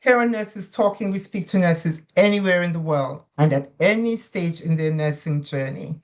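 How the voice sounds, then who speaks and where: A woman's voice: lowish voice, moderate pace. A woman hosting a nursing interview podcast, welcoming her guest in a chatty, affirming way. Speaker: podcast host.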